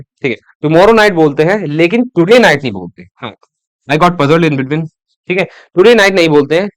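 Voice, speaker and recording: A man teaching an exam-prep English grammar lesson in a Hindi-English mix, explaining step by step, checking in with "ठीक है" and reading English example sentences slowly. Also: on the high side, dry recording.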